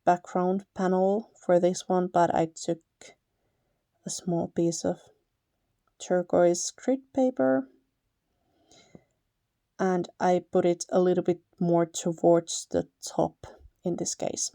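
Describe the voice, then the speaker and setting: A Finnish woman with a Finnish accent hosts a paper-crafting channel, chatting through a tutorial in a relaxed way, laughing lightly and now and then correcting herself. Her fairly low, gravelly voice moves slowly with frequent pauses, captured dry and at studio quality.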